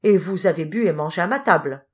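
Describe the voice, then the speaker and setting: A woman's voice: lowish voice, expressive, a little fast, natural voice. A woman voicing a stern, pious old knight who lectures a young thief. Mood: scornful. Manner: solemn, moralizing.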